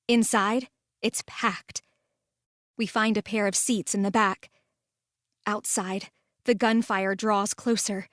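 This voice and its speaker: Slow, measured woman narrating a story. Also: on the high side, no room sound, studio quality. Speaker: narrator and lead character. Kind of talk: first-person story narration.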